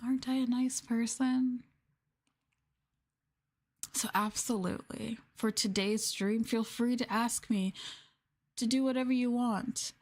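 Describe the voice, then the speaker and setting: A VTuber streamer and host performs a sadistic ASMR-style roleplay, talking down to her listeners. Her voice is on the high side and steady in tone, teasing and mocking them with playful, drawn-out emphasis.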